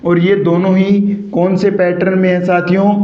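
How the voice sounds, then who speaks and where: In a grammar lecture, a male teacher repeatedly poses questions to the class, answers them himself, and repeats every key point. His high-pitched voice barely moves in pitch and keeps a normal speed. The room sounds echoey, dull and lo-fi.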